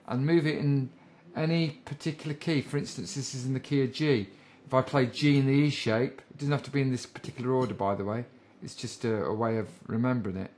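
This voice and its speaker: Chatty man teaching guitar theory. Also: mid-range voice. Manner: chatty, self-deprecating, encouraging. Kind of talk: casual spoken music lesson.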